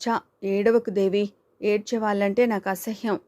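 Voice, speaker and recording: A woman's voice: mid-range voice, level tone, a little slow, lightly acted. A woman voicing Kanchana, an outspoken young woman who scolds and urges her friend, in an audiobook reading. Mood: urging. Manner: scolding, urging, sharp retorts.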